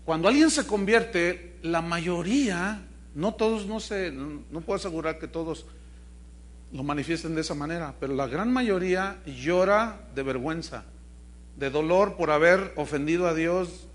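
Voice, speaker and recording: High-voiced pastor preaching. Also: male voice, normal speed. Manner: animated storytelling with acted quotes, addresses the congregation. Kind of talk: sermon. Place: church congregation.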